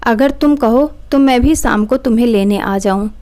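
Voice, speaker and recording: A woman's voice: fairly high pitch, normal speed, a little mellow, lightly acted. A woman voicing a young husband, earnest and pleading, in a told story. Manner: earnest, then stern.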